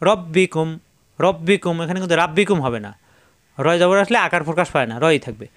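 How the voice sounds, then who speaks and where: A man teaching Quran reading, spelling words out slowly and repeating each syllable patiently for learners to copy. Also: a little high, expressive, a bit bright, dry recording. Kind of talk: step-by-step spelling lesson.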